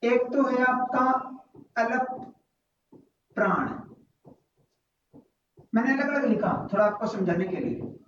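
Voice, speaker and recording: A man teaching a grammar lesson, explaining slowly and repetitively and reciting letters one by one. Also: very high voice, lively intonation, a bit bright, a little hiss or hum. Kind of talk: classroom-style grammar lesson. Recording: echoey, muffled room from far off.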